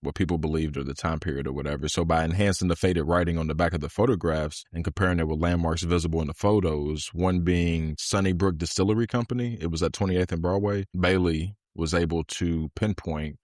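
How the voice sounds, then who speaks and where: A man co-hosting a podcast, telling a history story in a relaxed, casual way with lots of fillers. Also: low voice, fairly quick, few pauses, no echo, clean studio sound. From Louisville, Kentucky area. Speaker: podcast co-host. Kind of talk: casual chat.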